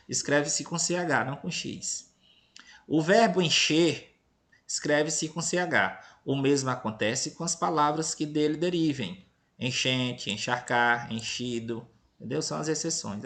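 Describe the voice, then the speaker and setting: A man's voice: mid-range voice, vocal fry, a bit bright. A man from Brazil with a Brazilian accent, reading a school lesson aloud to children and checking in often to see if they follow. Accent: Brazilian Portuguese, Tocantins. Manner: patient, checks in with "entendeu?" and "beleza?"; playful, teasing about giving away answers. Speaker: teacher.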